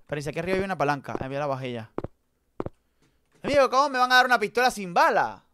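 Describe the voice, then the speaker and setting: A man streaming a horror game live, talking to his chat and swinging between mutters and loud outbursts. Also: sits high, expressive, fast talker, slight background noise. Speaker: gaming streamer. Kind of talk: live let's-play commentary.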